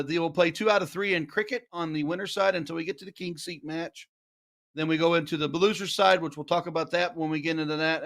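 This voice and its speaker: High-pitched man with an Ozark accent, commentating. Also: a bit bright. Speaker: play-by-play commentator and host. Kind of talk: live darts match commentary with casual banter.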